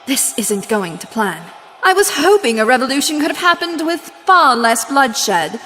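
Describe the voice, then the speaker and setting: In an audio drama with music under the voice, an actress plays a kindly but commanding good witch who speaks formally. Her full character voice is high-pitched, very animated, and sharp, as she explains something gravely in an authoritative, measured way.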